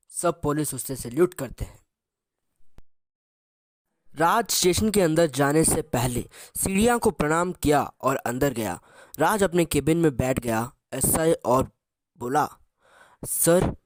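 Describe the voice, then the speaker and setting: Story narrator: man, casual conversational telling, medium pitch, dry close mic. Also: animated, takes it slowly, long pauses, no room sound. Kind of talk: Hindi horror story narration.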